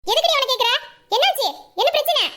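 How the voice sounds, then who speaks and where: A nagging middle-aged mother scolds her grown children in a very high voice, as a woman plays her. She fires off her complaints at breakneck speed. It is a home audio drama. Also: expressive, fast talker, sharp tone, heavily acted. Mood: scolding.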